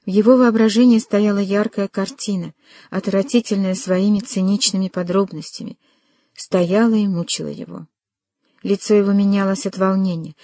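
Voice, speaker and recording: A woman narrating a literary novel as an audiobook, with a measured and dramatic reading. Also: medium pitch, dark tone, no room sound, studio quality.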